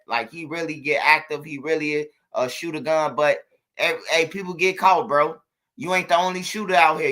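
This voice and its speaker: A man's voice: fairly high pitch, sharp tone. A man giving blunt, casual commentary on street news, repeating himself for emphasis.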